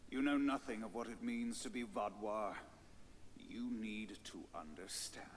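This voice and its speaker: A man's voice: lowish voice, steady tone, unhurried, natural voice. Male actor as a proud alien warlord in a game, villainous, declamatory, light background hiss. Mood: threatening.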